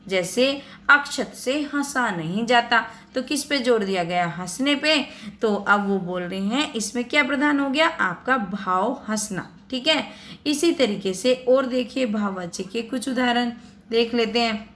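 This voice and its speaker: A woman's voice: on the high side, expressive, measured pace, fairly bright tone. Hindi teacher woman explaining grammar. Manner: patient, addresses students directly, repeats points. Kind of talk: explaining a worksheet lesson.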